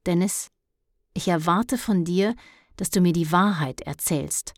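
A stern but caring middle-aged mother from a storybook, scolding one moment and coaxing gently the next, as a woman reads her lines. Her voice sits a little low and is delivered unhurried. The recording is close and dry. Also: no room sound.

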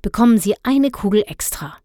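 A woman voicing a polite, calm male ice cream seller who speaks courteously and formally in a storybook reading. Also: mid-range voice, fairly quick, no echo, studio quality, close to an everyday voice.

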